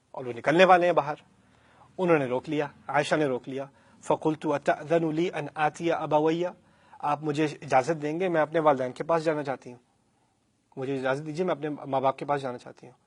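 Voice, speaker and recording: A man giving a religious lecture, reading Arabic lines and retelling them in Urdu, acting out the people in the story with feeling and slipping in English words. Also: a little high. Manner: reads Arabic then paraphrases it, voices the speakers emotionally. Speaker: Islamic lecturer. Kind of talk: Urdu sermon retelling a hadith.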